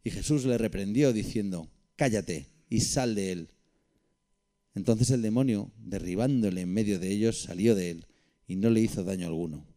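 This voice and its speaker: A man's voice: fairly low pitch, fairly quick, dark tone. A man with a Peninsular Spanish accent preaching and reading Bible verses aloud, with conversational asides to his listeners. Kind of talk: Bible study sermon with scripture reading.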